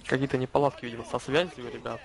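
A man's voice: mid-range voice, fairly even intonation, very fast, creaky, a crowd in the background. A man doing casual live game commentary as a match caster, with a lisp that turns his s into a slushy sh.

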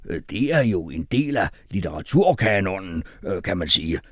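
A man voicing a pompous older man who speaks haltingly, with many hesitations, in an audiobook. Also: low voice, very animated, no echo, clean studio sound. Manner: halting, full of hesitations, self-important.

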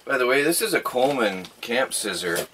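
A man's voice: mid-range voice, sing-song, brisk, background noise. A middle-aged man in casual chat as a vlogger, laughing often, filmed by a camera across a small wooden cabin living room.

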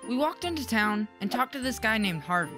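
A woman's voice: on the high side, expressive, a little fast. A woman host narrating her first run of a farming game with joking, self-mocking humor. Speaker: gaming channel host. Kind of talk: narrated gameplay vlog. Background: game music.

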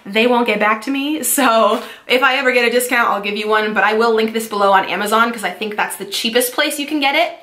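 A woman in her twenties from California, chatting quickly and eagerly about fitness products she uses. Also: a little high, pushed and bright, reverberant. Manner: fast, chatty, enthusiastic. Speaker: fitness vlogger. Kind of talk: casual product-review vlog.

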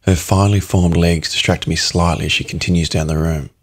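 A man's voice: deep voice, fairly even intonation, brisk. A man narrating an audiobook in the first person, in a sardonic and crude manner.

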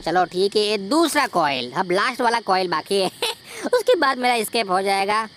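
A woman giving excitable, giggly commentary over a horror game, boasting and joking. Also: medium pitch, normal speed, slight background noise. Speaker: gameplay YouTuber. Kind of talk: let's-play commentary.

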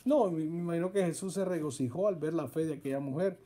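A man preaching a Bible-teaching sermon, emphatic, repeating key phrases and dropping to soft, quiet asides. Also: a little high, quick pace.

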